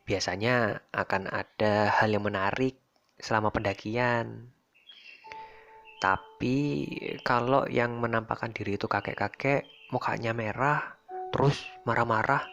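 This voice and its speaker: A man's voice: on the low side, vocal fry, fairly bright tone, dull audio, slight background noise. A man voicing a local noodle stall vendor who chats matter-of-factly about local sightings, in a spoken horror story.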